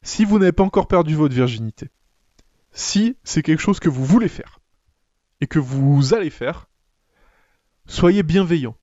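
Young guy ranting thru a funny confession, kinda high voice, swears a ton, dry dull mic. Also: measured pace, pauses often, dry recording. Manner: animated, swears a lot, swings between loud outbursts and low muttering. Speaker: podcast host. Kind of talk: comic confessional storytelling.

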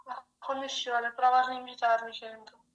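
A woman heard over a speakerphone with a bad connection, talking in a halting, hesitant way in a casual chat with a friend. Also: fairly high pitch, level tone, fairly bright tone. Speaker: friend on a call. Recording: lo-fi phone speaker.

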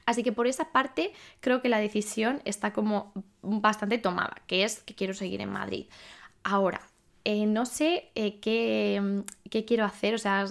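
Chatty young woman thinking out loud. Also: medium pitch, steady tone, normal speed, vocal fry. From Spain. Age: 20s. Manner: chatty, thinking aloud with many fillers and self-questions. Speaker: podcast host. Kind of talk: casual monologue.

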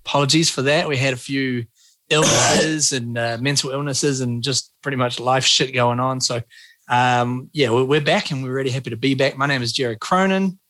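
A man's voice: mid-range voice, normal speed, a bit bright, no room sound. Male podcast host, New Zealand accent, chatty and informal, very dry close sound. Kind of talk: casual chatty sports podcast hosting.

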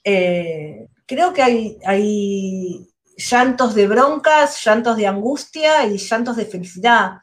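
Speaking as a mother in a casual interview chat over a video call, a middle-aged guest with a Rioplatense Spanish accent talks in a mid-range voice. Her speech is candid but halting, with frequent restarts. Slight background noise is audible.

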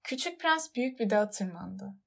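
A woman narrating a storybook audiobook in a measured, expressive reading voice. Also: mid-range voice, creaky.

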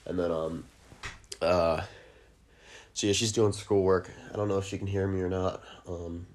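A man hosting a comedy podcast, rambling crudely through a stream of ums and restarts and breaking into shrill squealed sound effects. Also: steady tone, normal speed, a little mellow. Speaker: podcast host.

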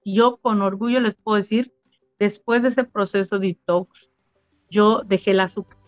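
A woman's voice: medium pitch, steady tone, normal speed, no echo. A middle-aged woman, a spa owner, telling a personal testimonial in an emotional, repetitive storytelling manner. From Mexico. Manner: emotional storytelling, repeats phrases. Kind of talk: casual testimonial interview. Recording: dull lo-fi sound with faint music.

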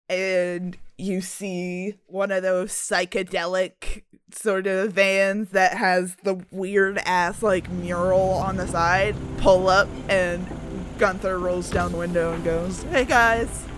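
A woman running a tabletop game podcast as dungeon master, playful and joking, laughing often. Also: on the low side.

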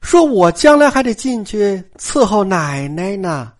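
A man doing a gentle, shrewd young lady. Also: high voice, sing-song, a little slow.

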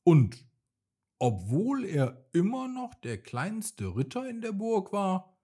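A male storyteller reading a children's tale slowly and gently. His voice is dark and slightly husky, with a lively rise and fall that keeps young listeners engaged. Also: high-pitched.

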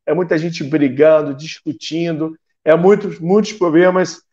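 A man's voice: fairly even intonation, measured pace, a little mellow, dull audio, close to an everyday voice. A man voicing a middle-aged church woman who complains about everything. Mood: complaining. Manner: complains in a shrill, rising voice.

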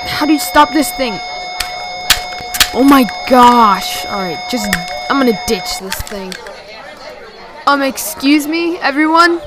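A young woman playing a flustered, exasperated studio crew member in an amateur comedy drama, with casual grumbling delivery. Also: high voice.

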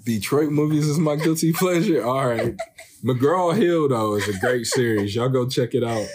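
A man's voice: mid-range voice, animated, normal speed, noisy background. A young adult man talking casually as a co-host, in a laid-back, slangy way. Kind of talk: casual couple chat.

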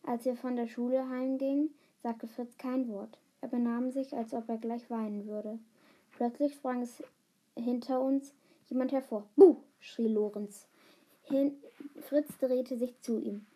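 A woman reading a children's book aloud, unhurried, with small slips and fillers. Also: a little high, steady tone, dark tone. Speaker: reader.

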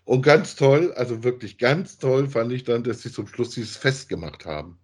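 Reviewing audio dramas as a podcast co-host, a man speaks at normal speed in a mid-range, slightly rough voice with lively intonation. The discussion is casual, and he pushes his views emphatically and colloquially while seeking agreement.

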